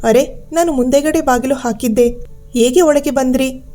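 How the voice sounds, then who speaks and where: A woman's voice: high-pitched, normal speed, mellow, faint music behind, natural voice. A woman voicing a frightened young woman in a storybook tale, speaking anxiously and pleading.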